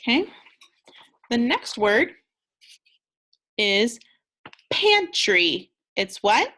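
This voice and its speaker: An American woman teaches a phonics lesson to second graders, speaking slowly and with a bright, crisp tone. She is patient and encouraging, leaving pauses for the children to answer. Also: a little high, big pitch swings.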